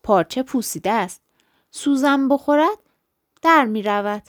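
A woman's voice: sits high, animated, dry recording, studio quality. A woman voicing a blunt, dismissive male tailor in a storybook reading. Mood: curt.

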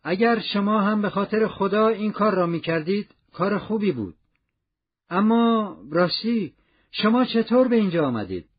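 A man voicing an excitable, chatty old male gardener with a trembling voice, in a dull lo-fi recording. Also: sits high, breathy edge, voice pushed up. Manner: exclaiming, rapid questions.

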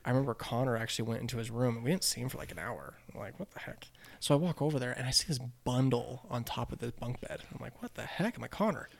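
A young man, a podcast guest, telling animated stories in casual chat, acting out quotes and laughing often. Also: mid-range voice, fast talker, gravelly, few pauses.

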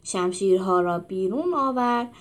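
A woman narrating a children's storybook aloud in an expressive way. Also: mid-range voice, a little hiss or hum.

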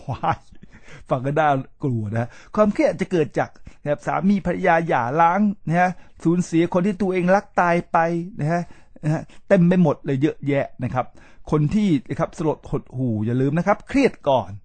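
An older man hosting a spoken commentary on a book, animated and exclaiming, often speaking straight to his listeners. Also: a little high, dry recording. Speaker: host.

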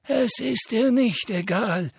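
A man voicing a calm, gentle old male headmaster wizard who speaks softly and slowly. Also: very high-pitched, creaky, husky, dry recording, clean studio sound, pitched above the performer's own voice, full character voice. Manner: calm, soft, measured.

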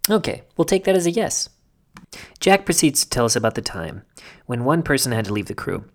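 A man's voice: medium pitch, very animated, brisk. A man putting on a mock public radio announcer voice to narrate a podcast segment. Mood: narrating. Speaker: podcast host.

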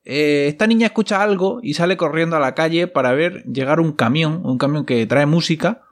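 Wry man recapping a series. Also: fairly high pitch. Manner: wry, casual, ironic asides. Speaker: host.

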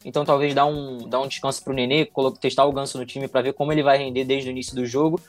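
A Brazilian man giving conversational football analysis as a panelist, haltingly, often repeating words as he thinks. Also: mid-range voice, flat delivery, faint music behind.

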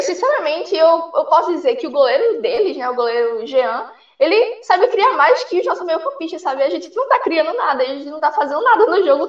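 A woman's voice: high voice, echoey room, highs cut off. A woman fan calling in to a sports talk show, talking in a rambling, anxious way with lots of fillers. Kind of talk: casual call-in chat.

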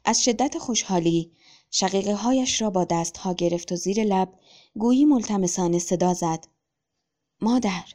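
A woman narrating a short story in a calm, even storytelling manner. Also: mid-range voice.

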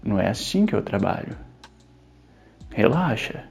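A man voicing a cocky, rough bricklayer who talks down with swagger. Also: fairly low pitch, sing-song, measured pace, darkish tone, soft background music, full character voice. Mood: menacing. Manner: swaggering, condescending.

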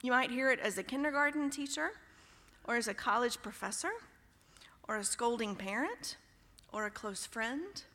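Woman preacher, thirties, expressive sermon delivery, fairly high bright voice, long church reverb. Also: moderate pace. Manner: expressive, shifts tone for emphasis.

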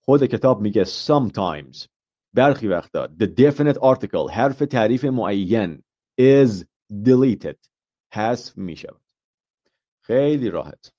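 A man with a mellow, darker voice teaching an IELTS lesson on a live stream. He quizzes his students, walks through each point step by step and switches into English for example phrases. The audio is a little muffled. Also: medium pitch, animated. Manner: asks the class questions and explains step by step. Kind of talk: live online grammar lesson.

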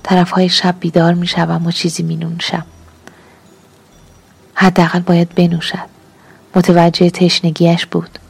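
A woman reading literary fiction aloud as an audiobook narrator, calm and measured, at times half-whispered. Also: fairly low pitch, gravelly, breathy edge.

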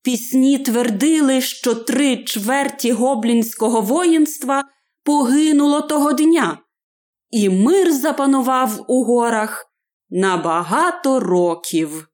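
Slow, deliberate woman storyteller. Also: high-pitched, darkish tone. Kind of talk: scripted fairy-tale audiobook narration.

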